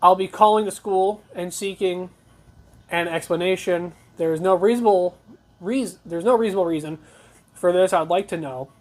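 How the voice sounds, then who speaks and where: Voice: medium pitch, moderate pace. A talk show host giving blunt, conversational news commentary, reading reports aloud with opinionated asides.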